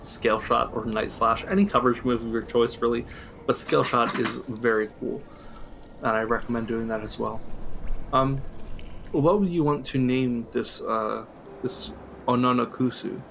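A man's voice: mid-range voice, normal speed, vocal fry, a bit bright, slight background noise. A man co-hosting a podcast in casual chat, explaining game strategy at length and chuckling often. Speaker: podcast co-host.

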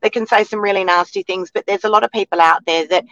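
A woman's voice: mid-range voice, fairly even intonation, quick pace, a bit bright, lo-fi sound. Chatty emotional Australian woman in a car. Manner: chatty and emotional, many fillers. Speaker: real estate agent co-host. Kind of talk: casual chat. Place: in a parked car.

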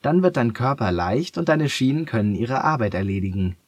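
A man with a husky voice voicing a cheerful, kind young girl who wears leg braces, in a storybook reading. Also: mid-range voice, animated, fairly quick, no echo, pitched above the performer's own voice, close to an everyday voice. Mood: encouraging. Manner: bright, coaxing storybook girl voice.

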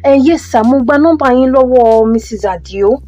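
In a Yoruba-English phone conversation from an audio drama, a woman with a Nigerian accent plays Tumi, a polite, eager, deferential young mother looking for a flat. Her voice sits high and warm with a breathy edge, at a normal pace, over soft background music in lo-fi sound.

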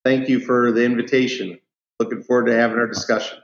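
A man speaking as an expert guest, explaining in a measured way in an interview. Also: mid-range voice, little pitch movement. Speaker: guest researcher. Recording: roomy, dull lo-fi sound.

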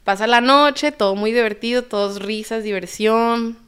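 A woman with a Mexican accent, a podcast guest telling her own story in a lively way and acting out the dialogue. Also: a little high, normal speed, smooth. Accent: Mexican Spanish. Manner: animated, acts out quoted dialogue.

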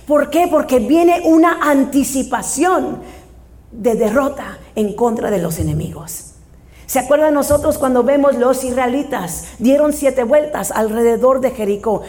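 A woman pastor delivers a sermon in a high voice, mixing in English phrases as she goes. She presses her points with emphasis and keeps checking in with her listeners. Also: dark tone. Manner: switches between Spanish and English mid-sentence, frequent "¿verdad?"; emphatic, raises voice on scripture calls.

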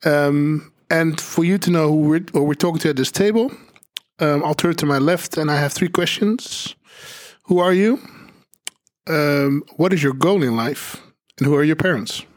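Guy hosting a podcast panel, voice a bit on the high side, chatty. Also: moderate pace. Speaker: podcast host. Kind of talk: informal hosting of a panel discussion. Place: theater hall with a small audience.

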